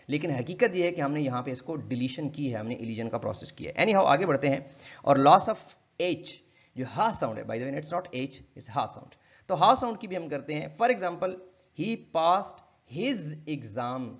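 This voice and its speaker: A man gives a linguistics lecture, his voice sitting a little high. He walks through each point step by step and repeats example words slowly. The recording sounds dull and lo-fi. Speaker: linguistics teacher. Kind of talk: explanatory lecture.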